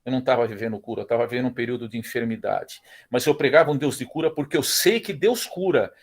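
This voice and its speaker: A man's voice: medium pitch, fast talker. A middle-aged man with a Brazilian Portuguese accent teaching a church Bible class, emphatic and repeating his phrases. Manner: emphatic, repeats phrases, acts out quoted dialogue.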